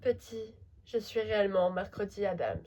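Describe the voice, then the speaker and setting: A woman voicing a dry, teasing gothic teenage girl who speaks in a flat, ironic way, in an amateur fan voice drama. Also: mid-range voice, normal speed, slight background noise, lightly acted. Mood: deadpan.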